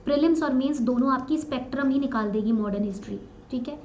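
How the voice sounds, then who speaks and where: Female teacher, high voice, switches between Hindi and English, recorded in a slightly dull echoey room. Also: quick pace, darkish tone, slight background noise. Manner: mixes Hindi and English, repeats points in English, frequent checking fillers. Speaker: exam prep teacher. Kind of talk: online exam strategy lesson.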